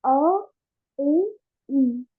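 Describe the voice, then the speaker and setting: A woman student slowly and carefully reciting letters back to her teacher over a call. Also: sits high, animated, dry recording. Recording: tinny phone-like call audio.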